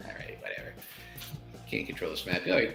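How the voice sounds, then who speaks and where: Man, low bright voice, very lively, joking tabletop player, echoey room. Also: creaky, faint music behind. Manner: joking, rambling, quick to laugh. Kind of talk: playing a tabletop game, casual chat.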